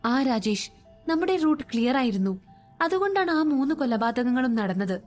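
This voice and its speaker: A woman's voice: high voice, big pitch swings, moderate pace, darkish tone, soft background music. Lady reading a young guy on a case, eager and in a hurry, storybook style. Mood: eager, urgent. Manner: eager, urgent. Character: eager young male investigator.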